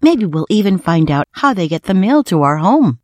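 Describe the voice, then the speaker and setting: A woman voicing an excited little boy who asks eager questions in a storybook reading. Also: on the low side, moderate pace, no room sound, pitched above the performer's own voice. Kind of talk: storybook character voice.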